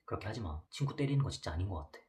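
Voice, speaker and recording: A man voicing a calm peacemaking schoolboy. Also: fairly low pitch, very fast, lightly acted. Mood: firm. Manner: firm, coaxing.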